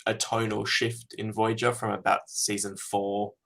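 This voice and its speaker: A man's voice: lowish voice, level tone, a little slow, gravelly, fairly bright tone. A man, a fan filmmaker being interviewed, talking casually and thoughtfully with many ums.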